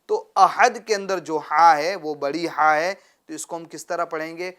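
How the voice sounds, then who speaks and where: A man's voice: on the high side, steady tone, a bit bright, clean tone. A man teaching Quran recitation to a child, asking questions and having the pupil repeat after him, with frequent praise. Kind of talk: patient call-and-response teaching.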